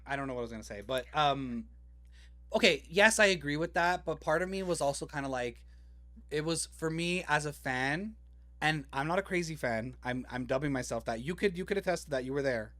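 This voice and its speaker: A man's voice: fairly high pitch, lively intonation, brisk, fairly bright tone. A man co-hosting a podcast in casual chat, self-deprecating, swearing and laughing a lot. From Canada. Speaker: podcast co-host.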